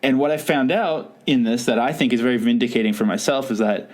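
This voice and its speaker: A man's voice: medium pitch, brisk, darkish tone. A man co-hosting a podcast, rambling through a story in casual chat, often breaking into laughter and poking fun at himself. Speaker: podcast co-host.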